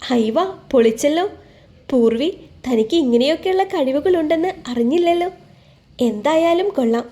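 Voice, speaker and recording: A woman's voice: high voice, lively intonation, normal speed, warm tone. A woman voicing a cheerful young man with an upbeat manner.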